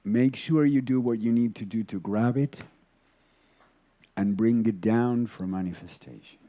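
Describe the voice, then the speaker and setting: A man teaching a yoga lecture to a live audience, telling stories in a deliberate, gentle way with chuckles. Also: lowish voice. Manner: animated storytelling, chuckles.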